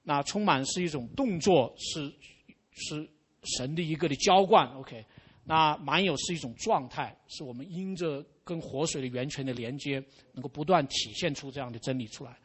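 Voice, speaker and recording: A man's voice: a little high, moderate pace, slightly rough. A man giving a conversational sermon to a congregation, often tagging "OK" and restarting his sentences. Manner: informal, peppers sentences with "OK", frequent restarts. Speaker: preacher. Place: church congregation.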